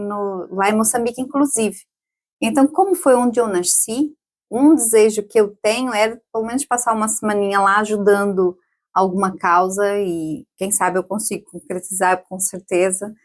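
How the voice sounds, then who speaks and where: A woman in her forties appears as a podcast guest in a casual interview chat. Her voice is mid-range with fairly even intonation at a moderate pace, and she laughs often and tags questions onto the ends of her sentences.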